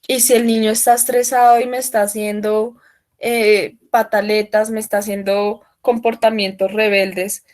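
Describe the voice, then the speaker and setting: A woman giving an online workshop, explaining loudly and often checking in with her listeners. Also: medium pitch, level tone, moderate pace. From Colombia. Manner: explanatory, asks frequent check-in questions; speaking loudly for remote listeners. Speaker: workshop trainer. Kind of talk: online training talk.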